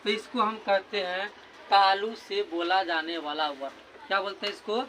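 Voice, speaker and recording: A man's voice: high voice, fairly even intonation, moderate pace, sharp tone, slight background noise, low-quality recording. A man teaching a grammar lesson, who keeps asking a question and answering it himself and drills sounds aloud. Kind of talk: classroom lesson explaining grammar.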